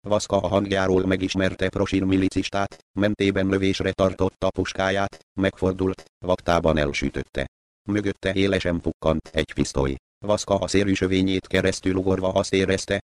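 A man narrating a story in a measured, even reading manner. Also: low-pitched, no echo. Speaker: audiobook narrator.

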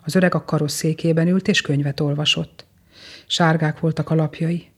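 An adult reading a children's Christmas story aloud in a gentle, expressive way. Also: medium pitch, breathy edge. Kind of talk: storybook narration.

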